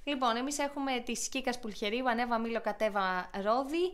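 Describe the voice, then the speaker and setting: A woman's voice: on the high side, clear, resonant tone. A woman storyteller reading a children's fairy tale aloud, addressing her listeners affectionately. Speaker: storyteller and radio producer.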